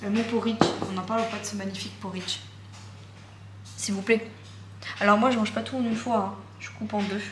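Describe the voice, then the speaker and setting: A young woman vlogs casually from indoors at home, talking with enthusiasm and rambling through lots of fillers and repetitions. Her voice is medium-pitched with fairly even intonation, a little fast, with frequent pauses. A nearby phone or camera picks her up in an echoey room with background noise.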